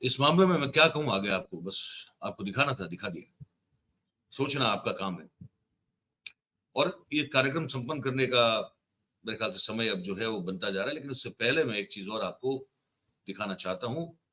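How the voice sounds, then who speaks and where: Bright-voiced indignant male news commentator. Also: lowish voice, animated, moderate pace. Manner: indignant, emphatic, talks straight to the viewer.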